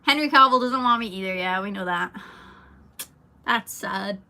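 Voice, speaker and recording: Her pitch sits in the middle and her pace is moderate, with a sharp edge to the tone. This young adult singer rambles through a relaxed livestream Q&A, full of fillers, as she reads comments from viewers.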